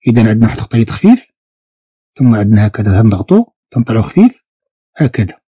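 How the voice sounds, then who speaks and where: A man's voice: fairly low pitch, sing-song, fast talker, warm tone, husky, no echo. A man with a Moroccan Arabic accent teaching a beginner language lesson, patiently repeating each sound and spelling letters out.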